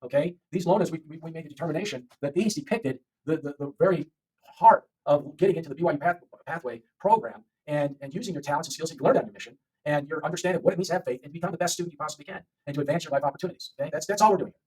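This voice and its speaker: A man's voice: on the high side, rapid-fire, a little mellow, breathy edge, distant mic, rough recording. A man teaching an online English lesson, talking to learners with lots of repetition and frequent "okay?" checks.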